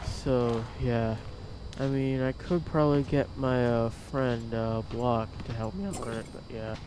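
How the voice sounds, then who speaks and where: A tired young man talking in a low-energy, rambling monotone, doing casual gaming commentary late at night. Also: a little slow, slight background noise. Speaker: gaming vlogger. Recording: loud music underneath.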